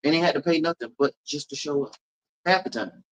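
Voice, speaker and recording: Animated comedian man riffing emphatically. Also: fairly high pitch, fairly quick, low-quality recording. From Polk County, Florida. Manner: animated, emphatic storytelling with repeated riffs. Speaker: comedian and event host. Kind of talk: casual interview talk.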